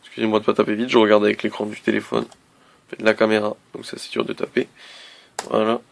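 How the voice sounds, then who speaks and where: A man's voice: lowish voice, completely flat delivery, fast talker, vocal fry. A man casually reviewing a laptop on camera, hesitant, with many fillers and restarts. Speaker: tech reviewer.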